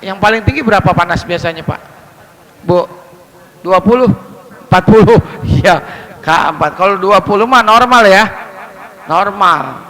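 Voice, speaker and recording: A man preaching a lively, humorous sermon, joking with and questioning his congregation. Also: high-pitched, unhurried, pauses often, long reverb tail, low-quality recording.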